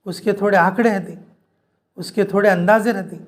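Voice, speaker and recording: A man's voice: sits high, steady tone, moderate pace. A man preacher giving an informal sermon to a women's group, repeating his points in earnest, direct appeals. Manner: repetitive, earnest exhortation addressing listeners directly. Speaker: Islamic preacher.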